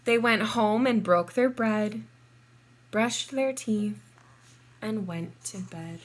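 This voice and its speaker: A woman narrates a picture book for young children at a very unhurried pace. Her pitch is average for a woman, and she phrases deliberately and expressively, stretching out words. A faint noise sits behind her voice. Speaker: children's storybook reader, teacher. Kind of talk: read-aloud storybook narration for young children.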